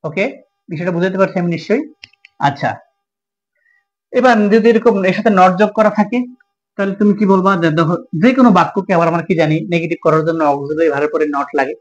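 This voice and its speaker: A male teacher with a Bangladeshi Bengali accent runs a grammar lesson at a brisk clip. He keeps posing questions and answering them himself, in a high voice on a dull, lo-fi recording. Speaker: English teacher.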